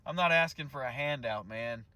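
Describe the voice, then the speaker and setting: Frustrated man, bright forceful voice. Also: mid-range voice, moderate pace, no room sound. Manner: frustrated, forceful, slang (brother, dude). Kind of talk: impassioned talk to camera.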